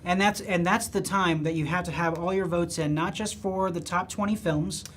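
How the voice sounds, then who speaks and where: Upbeat live-stream host, faint noise. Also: male voice, high voice, fairly even intonation, normal speed, a bit bright. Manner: upbeat, announcing, with fillers. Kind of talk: casual live-stream hosting.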